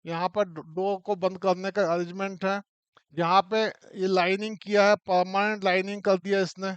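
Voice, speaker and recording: Male mining instructor with a high, smooth and resonant voice. Relaxed classroom explanation, often checking in with the listener. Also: dry recording. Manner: talks through a model step by step, often checks in with the listener. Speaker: mining teacher.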